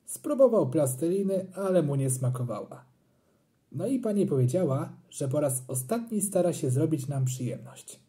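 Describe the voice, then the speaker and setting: An audiobook reader narrating a children's story in an animated, playful way. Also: mid-range voice, moderate pace.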